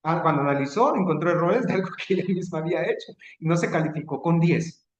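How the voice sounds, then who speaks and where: Salvadoran male trainer on a video call, chatty lecturing tone, slightly raised pitch, roomy echo. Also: fast talker, dull audio, slight background noise. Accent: Salvadoran Spanish. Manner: conversational, checks in with rhetorical asides. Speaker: teacher leading a training session. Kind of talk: online lecture.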